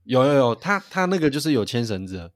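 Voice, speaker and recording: A man, co-hosting a podcast and telling a story in an animated way, with frequent restarts. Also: mid-range voice, quick pace, dry recording, studio quality. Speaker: podcast co-host. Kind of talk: casual chat.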